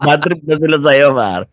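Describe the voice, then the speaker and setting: A man's voice: a little high, expressive, slow pace, no echo, lo-fi sound. A man co-hosting a podcast in casual chat, loose and laughing, swearing freely. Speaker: podcast co-host.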